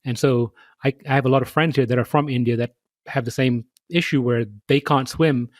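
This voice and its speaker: A man hosting a podcast interview, reading measured, scripted introductions and asking questions. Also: medium pitch, fairly even intonation, no echo, clean studio sound. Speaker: podcast host.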